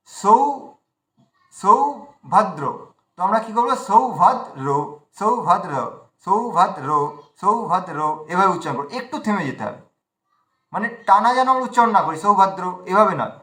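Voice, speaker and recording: A man teaching recitation in an online class, slowly repeating words syllable by syllable to show pronunciation. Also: high-pitched, a bit bright, roomy sound.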